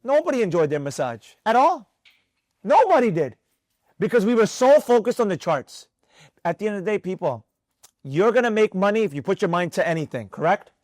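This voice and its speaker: A man teaching a live trading class, animated and constantly questioning the room. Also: high voice, fairly quick, dry recording. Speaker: trading instructor.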